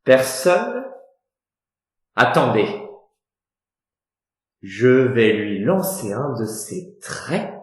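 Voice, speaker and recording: A man playing a smug, foppish viscount in verse theatre, with halting, pompous, hammy stage delivery. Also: medium pitch, sing-song. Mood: haughty. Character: smug, foppish viscount clumsily attempting an insult. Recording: very echoey room.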